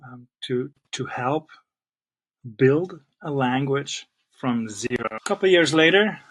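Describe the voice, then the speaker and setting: A man's voice: mid-range voice, a little slow, low-quality recording. Earnest Flemish-accented middle-aged man. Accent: Flemish Belgian. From Belgium (Flanders, near Antwerp). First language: Dutch (Flemish). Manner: earnest and heartfelt, speaks warmly to the viewer. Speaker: language teacher and channel host. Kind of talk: personal channel introduction to camera.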